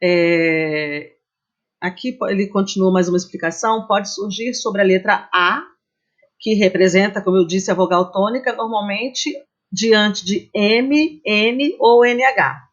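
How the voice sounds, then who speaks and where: A woman's voice: mid-range voice, measured pace. A woman teacher, giving a slide-based grammar lesson in a patient, explaining manner and often checking in with her students. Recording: dull, muffled lo-fi recording.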